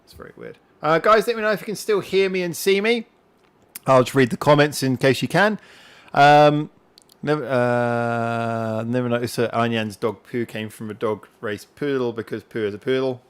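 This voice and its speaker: A man's voice: mid-range voice, normal speed, clean tone. Chatty man hosting a live stream. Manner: rambling and chatty, laughs often. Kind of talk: casual live stream chat.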